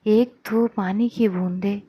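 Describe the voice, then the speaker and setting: A woman's voice: mid-range voice, steady tone, slow pace, dark tone, husky. A woman narrating a romance story in a casual spoken way, often sinking to a near-whisper. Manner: casual, recaps with filler words, drops to a near-whisper at tender moments.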